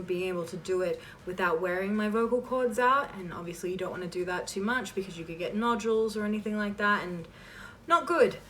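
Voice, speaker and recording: Her voice is medium-pitched and a bit bright: a woman in her twenties, an online voice performer, casually answering fan questions. She rambles and often interrupts herself. Recorded on a distant mic, the clip has clear background noise.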